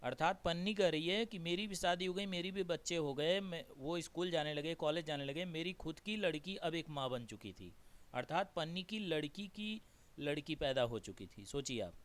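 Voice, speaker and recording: A man with a Gujarati accent, teaching students. He reads English lines slowly and then explains them in Hindi. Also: fairly high pitch, expressive. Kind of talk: explaining a textbook story to students.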